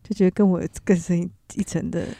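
A woman's voice: fairly low pitch, fairly even intonation, fairly quick, creaky, dark tone, no room sound, studio quality. A woman co-hosting a podcast, telling stories in a playful, mock-innocent way. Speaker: podcast co-host. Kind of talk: casual storytelling chat.

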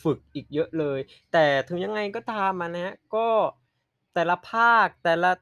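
A man's voice: high-pitched, gravelly, pushed and bright, dry recording. Man with a Central Thai accent, casual podcast host, chatty and courteous, dry recording. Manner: polite, laughs often, drawn-out wrap-up.

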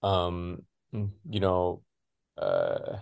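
Man, lowish pitch, rambling, lots of ums, swears casually. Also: sing-song, drawn-out words, creaky, darkish tone. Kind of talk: casual podcast chat.

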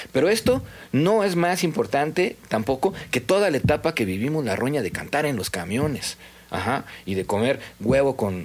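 Opinionated Mexican man talking casually. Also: mid-range voice. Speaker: guest singer-songwriter. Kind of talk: casual podcast interview talk.

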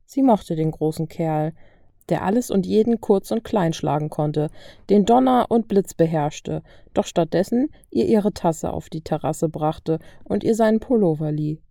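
Mellow woman reading a story aloud. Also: on the low side, unhurried, creaky, dry recording, studio quality. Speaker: reader. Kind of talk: audiobook reading of fan fiction.

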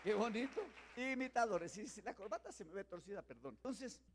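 An older man, preaching as pastor in a church, slowing down and rising to loud exhortation. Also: high-pitched, animated, a faint crowd, slight background noise. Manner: slows for emphasis and rises to loud exhortation. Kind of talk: sermon.

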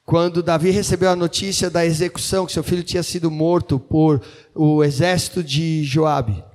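A man's voice: fairly high pitch, fairly even intonation, moderate pace, darkish tone. Man interpreting a sermon phrase by phrase. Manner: translating phrase by phrase, with small fillers and self-corrections.

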